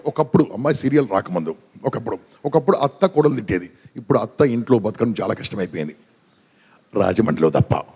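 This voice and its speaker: Middle-aged male motivational speaker, high voice, energetic, keeps quizzing the crowd. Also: gravelly. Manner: energetic, questions the audience, mixes in English. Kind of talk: motivational seminar talk.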